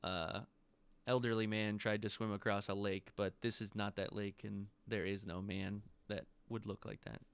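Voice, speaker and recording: A man's voice: on the low side, flat delivery, moderate pace, vocal fry, clean tone, no echo. A man narrating a tabletop game as game master, describing scenes loosely with casual fillers.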